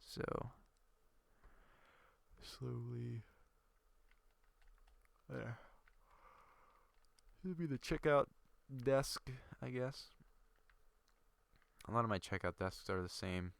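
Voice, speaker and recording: This gaming video creator, a young man congested from a cold, comments on his game extremely slowly, pausing often and filling gaps as he thinks aloud. His mid-range voice is creaky with a fairly bright tone.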